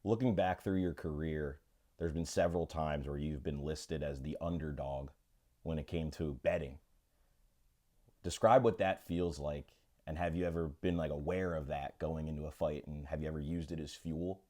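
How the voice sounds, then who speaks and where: A male interviewer with a very deep, dark voice asks short, direct questions. He keeps each question to the point. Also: steady tone, normal speed.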